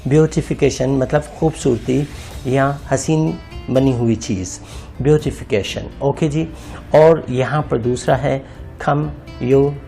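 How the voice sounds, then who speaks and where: A man's voice: medium pitch, takes it slowly, vocal fry, warm tone, faint music behind. A man teaching an English grammar lesson, patiently repeating words and splitting them into syllables for his viewers. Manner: addresses viewers as friends. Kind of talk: explaining a grammar lesson over slides.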